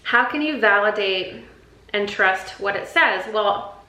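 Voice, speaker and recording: A woman with a bright, forceful voice talks through a spiritual lesson in a loose, conversational way, often repeating herself and restarting sentences. The sound is roomy and echoey, as if recorded in a bare room. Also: mid-range voice, lively intonation, takes it slowly. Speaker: intuition teacher. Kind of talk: casual spiritual teaching talk.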